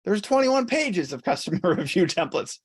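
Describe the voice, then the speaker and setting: A man's voice: high voice, sing-song, moderate pace, husky. Male realtor coach, easygoing upbeat delivery, lots of fillers. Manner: chatty, upbeat, many fillers. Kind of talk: casual presentation to a call.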